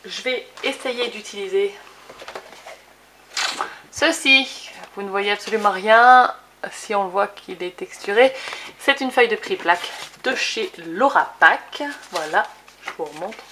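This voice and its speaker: A woman's voice: mid-range voice, a little slow, long pauses, sharp tone, a little hiss or hum. A woman hosting a casual scrapbooking tutorial, chatty with many fillers as she shows her papers. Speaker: crafting video host.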